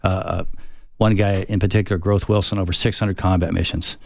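An older man, a retired Air Force fighter pilot, telling stories in an interview with a reflective, halting manner full of restarts. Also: sits low, little pitch movement, gravelly. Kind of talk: conversational interview storytelling.

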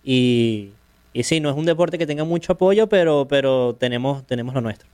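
A man with a Venezuelan accent whose voice sounds smooth and clear. He answers in a friendly, unhurried way, pausing often. The recording is close and dry. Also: mid-range voice, darkish tone, no room sound. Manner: friendly, unhurried, with frequent pauses. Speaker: guest, professional surfer. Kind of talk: interview answers.

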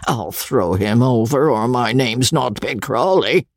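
Boastful stingy old baronet, husky blustery voice, a man putting him on. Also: mid-range voice, animated, unhurried, no room sound, clean studio sound. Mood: blustering. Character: coarse miserly old male baronet, boastful, litigious.

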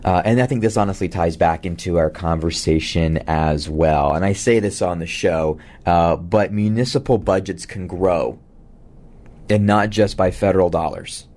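A radio talk host with a very low, gravelly voice speaks to his listeners in a loose, easygoing way. He fills gaps with ums and uhs and reads out phone numbers as he goes. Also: moderate pace. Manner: relaxed, many fillers, reads out numbers.

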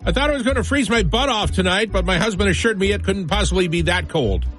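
A man's voice: sits high, fast, a bit bright. An American man hosting morning radio, announcing prizes and bits in a punchy, promotional DJ delivery. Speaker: radio morning show host. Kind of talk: radio DJ contest announcing and banter. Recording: music bed under voice. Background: music.

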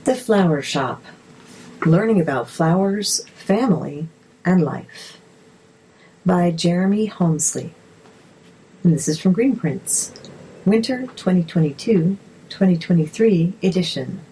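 Slow, low-voiced woman narrator. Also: animated, warm tone, a little hiss or hum, poor audio. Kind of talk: reading articles aloud.

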